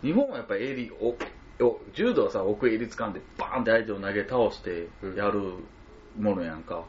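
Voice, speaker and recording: A man with a Kansai accent, co-hosting a casual chat radio show, animated and joking, full of sound effects. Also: lowish voice, brisk, highs cut off, slight background noise. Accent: Kansai Japanese. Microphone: home recording mic.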